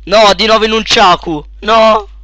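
A young man giving casual let's play commentary, shouting at sudden deaths and then muttering quietly to himself, close to a desk mic. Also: measured pace, no echo, highs cut off. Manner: excitable, yelps and shouts at in-game deaths, then mutters low.

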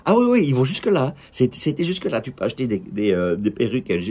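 A man's voice: medium pitch, big pitch swings, fast talker, mellow, husky. A middle-aged man with a Belgian French accent, chatting in a rambling, jokey way, vlogging from an outdoor café terrace. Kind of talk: casual direct-to-camera monologue.

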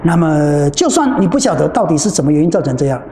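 Lively Buddhist nun teaching in a roomy hall. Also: female voice, sits low, fast talker. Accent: Taiwanese Mandarin. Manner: animated, acts out dialogue in her stories. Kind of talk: dharma talk. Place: temple hall. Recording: roomy hall with faint noise.

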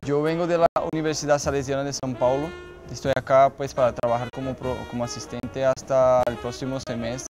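A young Brazilian man speaks Spanish with a Portuguese accent in a loose, conversational manner, often restarting a phrase to fix it. His pitch sits in an ordinary middle range. Music plays softly behind him. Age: 20s. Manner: relaxed, chatty, with quick self-corrections. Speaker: exchange student and Portuguese teaching assistant. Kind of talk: interview answers.

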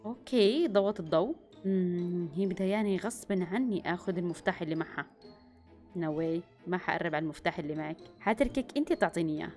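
A young woman giving excitable let's-play commentary, with bursts of screaming and quick whispers. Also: fairly low pitch, faint music behind. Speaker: gaming YouTuber.

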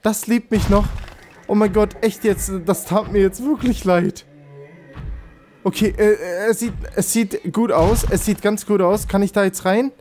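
A man hosting a let's play, talking through the game as he goes. He gets excitable, yelps at close calls and pleads with his vehicle to cooperate. Faint game music plays behind him. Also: high-pitched. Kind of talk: gameplay commentary.

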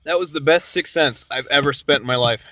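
A man's voice: fairly high pitch, fairly quick, very noisy. A man laughing and teasing his in-law while filming him take a hot pepper challenge. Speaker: channel host filming the challenge. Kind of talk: casual chat.

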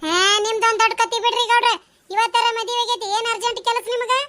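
Casting: gossipy village aunties, North Karnataka Kannada, very high, bright and rapid. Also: female voice, fairly even intonation. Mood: teasing. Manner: bossy, teasing, gossipy. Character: chatty, teasing village women at a wedding. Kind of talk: cartoon voice acting.

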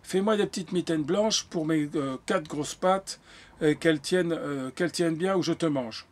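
A man voicing a sly, menacing big bad wolf in a fairy tale, gruff and muttering. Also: fairly high pitch, normal speed, close to an everyday voice.

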